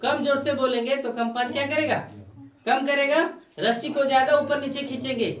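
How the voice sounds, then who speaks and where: A woman's voice: high-pitched, steady tone, moderate pace. A woman teaching a science class, repeating key points and asking the class questions for them to answer. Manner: repetitive questioning, prompts students to answer. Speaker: science tutor. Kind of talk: classroom lecture with call-and-response questions. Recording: echoey room, far from the mic.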